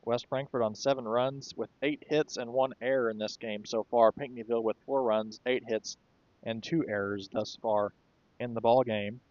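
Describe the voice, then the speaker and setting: A man doing relaxed, conversational play-by-play commentary for a baseball game, with occasional fillers. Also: medium pitch, moderate pace, no echo, highs cut off. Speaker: play-by-play announcer.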